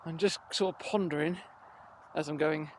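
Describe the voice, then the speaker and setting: A man's voice: fairly high pitch, fairly even intonation, moderate pace. A British man vlogging casually while running, rambling and hesitant as he thinks aloud. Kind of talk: casual unscripted vlog chat. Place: outdoors on a rural riverside footpath. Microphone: handheld phone or recorder on the move. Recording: noisy outdoor handheld recording, clicks.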